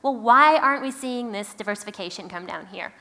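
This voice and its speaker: A woman's voice: a little high, expressive, fairly quick, bright, forceful tone. A woman with a Queens, New York accent giving a conference keynote in an emphatic, conversational, wry manner. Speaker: company founder, keynote speaker.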